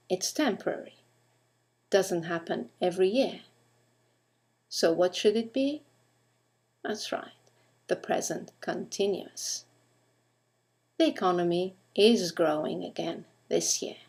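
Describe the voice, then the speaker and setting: A woman teaching English grammar in a recorded lesson, speaking clearly and deliberately and putting questions to the listener. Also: on the low side, darkish tone.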